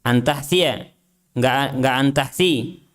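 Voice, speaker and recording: Slow, deliberate male religious teacher. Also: mid-range voice, a bit bright. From Indonesia. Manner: reads Arabic text then translates and explains; drills students with short questions. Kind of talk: Islamic study lesson, quizzing students.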